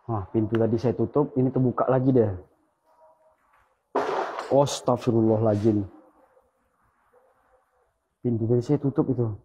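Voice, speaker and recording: A man hosting a ghost-hunting video, speaking in a hushed, alert way and calling out greetings to spirits. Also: medium pitch, steady tone, normal speed, long pauses, a little hiss or hum. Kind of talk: live paranormal investigation commentary.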